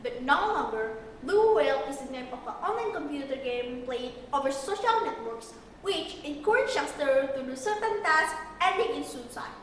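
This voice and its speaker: A young teenage girl with an Indonesian accent delivers a memorized contest speech in a stiff, rehearsed, declamatory way with emphatic pauses. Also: sits high, animated, fairly bright tone. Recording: echoey hall, distant mic, faint noise.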